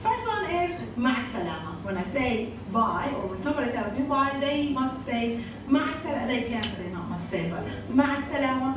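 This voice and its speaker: A middle-aged woman, a teacher chatting casually with frequent laughs and fillers. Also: sits high. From Palestine. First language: Arabic. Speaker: Arabic teacher and YouTuber. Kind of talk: casual chat. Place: busy convention venue. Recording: echoey, distant and noisy.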